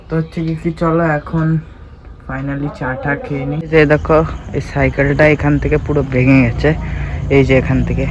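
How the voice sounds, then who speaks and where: A man's voice: fairly high pitch, noisy background. Chatty young man vlogging his day. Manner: chatty, filler-heavy, addresses viewers as guys. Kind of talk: casual daily vlog. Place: home and outdoors. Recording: home recording with loud background ambience.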